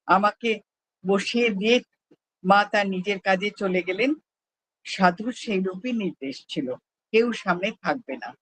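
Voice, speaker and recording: A person reads a personal memoir aloud at a prayer gathering, telling it slowly and evenly. The voice sits in a plain middle register, neither high nor low, and the delivery stays measured throughout. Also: a bit bright, poor audio.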